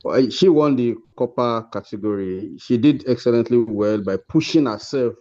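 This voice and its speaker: Over dull, lo-fi video call audio, a Nigerian-accented man presents course awards at an informal ceremony, sounding encouraging and full of congratulations. His voice is mid-range and dark in tone, delivered at a normal speed.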